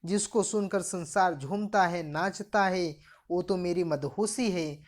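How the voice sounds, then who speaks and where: A woman teaching a Hindi poetry lesson, reciting each verse and then explaining it line by line, sometimes louder and emphatic. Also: fairly low pitch, slow pace. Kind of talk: explaining a poem for a class lesson.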